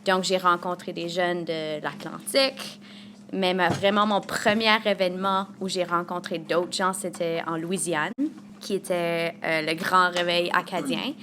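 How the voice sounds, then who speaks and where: A woman's voice: lowish voice, steady tone, measured pace, sharp tone, slight background noise. Earnest woman from New Brunswick. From northern New Brunswick, Canada. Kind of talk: personal testimony.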